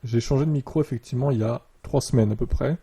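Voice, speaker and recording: A man's voice: medium pitch, fast, husky. A man chatting casually on camera, reading bits of an article and reacting to them with lots of fillers, recorded on a USB desktop microphone that makes his voice sound muffled. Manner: relaxed, many fillers, reads article lines then reacts. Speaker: YouTuber commenting on electric cars. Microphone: USB desktop mic. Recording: dark muffled mic sound.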